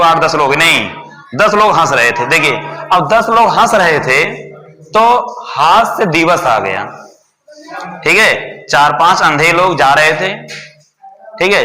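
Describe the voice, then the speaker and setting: A man leads an exam-prep lesson in a high, sharply bright voice. He keeps repeating points, checking in constantly and answering his own questions. The sound rings with a long, roomy reverb, as in a bare hall. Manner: repetitive, checks with "ठीक है" constantly. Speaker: teacher.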